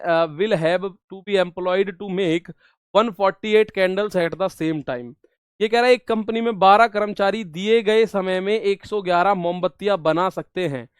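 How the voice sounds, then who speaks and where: A man's voice: high-pitched, smooth, no room sound, studio quality. A man teaching an exam-prep maths lesson, repeating each step and coaxing his students along. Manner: repetitive, coaxing, addresses students as brother.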